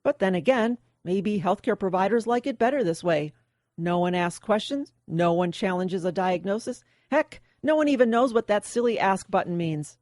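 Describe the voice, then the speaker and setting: A woman's voice: medium pitch, normal speed, a little mellow, dry recording. Woman host, middle-aged, scripted radio commentary, plainspoken and a bit sardonic, dead-dry studio sound. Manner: plainspoken storytelling, mildly sardonic asides.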